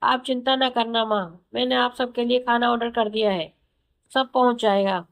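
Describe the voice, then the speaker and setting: A woman's voice: a little high, fairly even intonation, moderate pace, lightly acted. A woman voicing a cheerful young working daughter-in-law, breezy and reassuring.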